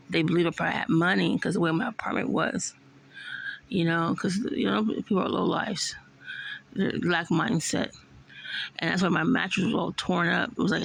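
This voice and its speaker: Middle-aged woman vlogger, heavy gravelly fry, rambling and profane delivery. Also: on the low side, poor audio. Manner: rambling, profane, fills with "you know". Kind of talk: casual rambling monologue.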